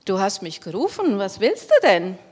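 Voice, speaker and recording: Woman voicing a gentle, calm healer. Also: mid-range voice, normal speed, a little hiss or hum, natural voice. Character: calm, kind male teacher and healer.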